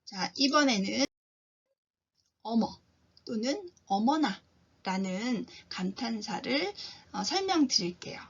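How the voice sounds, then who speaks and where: A woman with a fairly high, husky voice teaches a language lesson. She explains in a calm, steady way and acts out each sample exclamation with bright emphasis. The recording sounds dull and lo-fi. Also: slow pace, long pauses.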